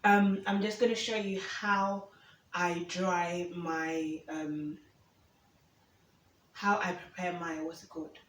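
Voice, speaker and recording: A woman's voice: lowish voice, little pitch movement, slow pace, pauses often, a bit bright, slight background noise. A woman from Uganda chatting casually in her kitchen while she preps food, often checking in with "okay?". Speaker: cooking vlogger. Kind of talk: casual cooking chat. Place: home kitchen. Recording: roomy, distant camera mic, faint ambience.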